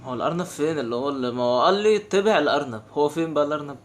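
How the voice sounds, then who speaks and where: A young man with an Egyptian Arabic accent giving casual, exasperated commentary while playing a game. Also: on the high side. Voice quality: quick, animated, exasperated banter. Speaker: gaming channel host.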